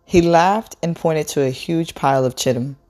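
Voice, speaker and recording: A woman reading a novel aloud in a slow, expressive storytelling way. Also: deep voice. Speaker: book reader.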